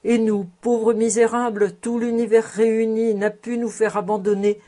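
A woman's voice: a little high, flat delivery, moderate pace, dark tone, pitched above the performer's own voice, lightly acted. A woman reading aloud, voicing a shrewd, proud old male rabbi with a sly, proverb-loving manner.

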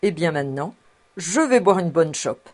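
Woman reading as a bashful middle-aged bachelor, eager, mellow voice, storybook. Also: lowish voice, animated, normal speed. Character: bashful well-off bachelor man, middle-aged, easily flattered.

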